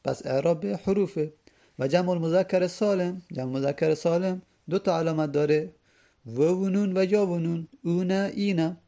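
A man teaching a grammar lesson in a methodical, repetitive way. He reads each rule aloud first and then explains it. His voice is fairly high for a man, gravelly, and mellow in tone.

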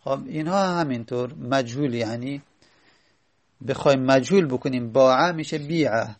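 A man teaching a grammar lesson, reading a text aloud and then explaining it slowly with frequent pauses. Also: mid-range voice. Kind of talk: classroom lesson explaining Arabic morphology.

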